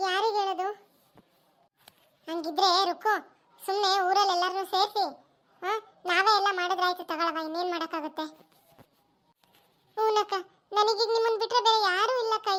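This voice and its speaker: A young village widow in a cartoon, humble and pleading, her voice sitting very high and thin, as a woman acts her out. She speaks in a soft, beseeching way. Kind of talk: cartoon voice acting.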